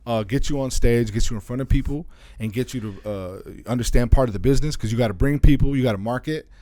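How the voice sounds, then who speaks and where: A man's voice: mid-range voice, fast, mellow, dry recording. A man from Arizona, a DJ and radio station owner, talking loosely as a guest in an interview and often adding "you know what I'm saying.". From Arizona, USA. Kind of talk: casual interview talk.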